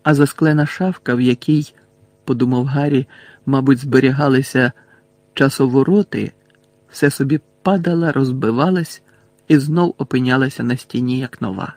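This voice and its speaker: A man reading a novel aloud in a steady storytelling manner. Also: medium pitch, moderate pace, dry recording. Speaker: audiobook narrator. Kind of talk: scripted narration.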